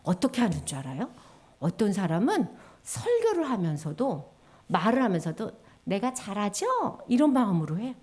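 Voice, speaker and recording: A woman giving a children's sermon in a lively, sing-song storytelling way, acting out little voices. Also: mid-range voice, normal speed.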